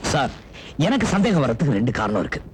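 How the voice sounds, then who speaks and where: A man's voice: medium pitch, very animated, quick pace, slight background noise, lightly acted. An actor playing an earnest newspaper reporter in a 1990s film, persuasive with his boss and polite with strangers. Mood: insistent. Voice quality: earnest, persuasive, playful with a child.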